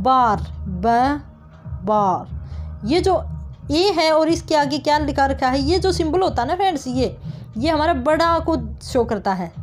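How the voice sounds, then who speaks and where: A woman with a high, light voice teaches phonetic transcription in an online lesson. She explains each step patiently and checks in with her viewers often. She stretches out example words slowly so they can be heard clearly. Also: a little mellow. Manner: explains step by step, often says "thik hai friends".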